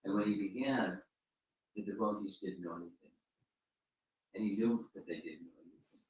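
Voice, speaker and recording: A man, a spiritual teacher, giving an informal religious talk and answering questions. He speaks haltingly and often repeats and restarts his words. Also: deep voice. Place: room at a home gathering. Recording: roomy, distant, dull recording.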